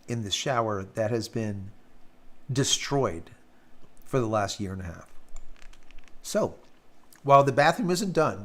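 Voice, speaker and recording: A man hosting a long live stream, talking to his viewers in a loose, casual way. He rants bluntly and swears freely, and his throat sounds sore and worn after hours on air. His voice sits at an ordinary middle pitch.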